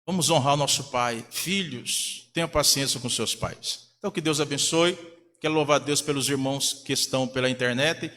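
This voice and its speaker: A pastor from Brazil tells a family story during a sermon in a church hall, voicing the people he quotes. His mid-range voice is bright and forceful at a moderate pace, trailed by a long reverb.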